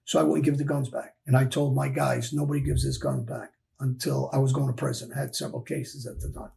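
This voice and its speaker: A man's voice: medium pitch, flat delivery, quick pace, gravelly, mellow. A man, a former mob figure, telling his story candidly in an interview, blunt and emphatic, often repeating his phrases. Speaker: former mob enforcer guest.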